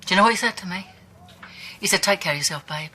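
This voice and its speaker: A woman's voice: fairly low pitch, fast, breathy edge. An actress playing a blunt, earthy older woman in a television soap drama. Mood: reflective. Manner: blunt and earthy, softening into quiet remembering.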